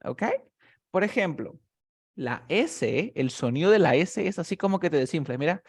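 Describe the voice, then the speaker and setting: A man's voice: on the high side, lively intonation, husky. Patient man teaching English pronunciation. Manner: patient, explains in Spanish, models sounds slowly and checks understanding often. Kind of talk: online one-on-one English lesson.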